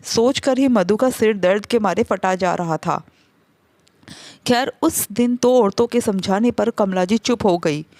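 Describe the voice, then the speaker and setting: A woman narrates a family tale at a steady, measured pace. Her voice sits fairly high, and the recording is dry and close with no room sound. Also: no room sound. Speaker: storyteller. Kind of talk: scripted story narration.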